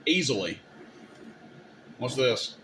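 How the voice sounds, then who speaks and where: Demonstrating radio gear hands-on, this host speaks slowly in a mid-range, bright, forceful voice with big pitch swings. His manner is informal, folksy and opinionated. Clear background noise and room ambience fill the recording.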